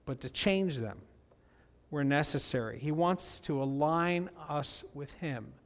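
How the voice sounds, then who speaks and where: Male pastor, high voice, slow measured sermon delivery, swings from emphatic to quiet. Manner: deliberate preaching, rising to emphatic peaks and dropping low.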